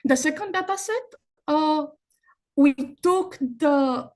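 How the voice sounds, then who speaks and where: A woman's voice: high-pitched, takes it slowly, a little mellow. A young woman, a master's student, giving a conference presentation over a video call, hesitant and full of uh fillers and restarts. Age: young adult. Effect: remote speaker on a video call.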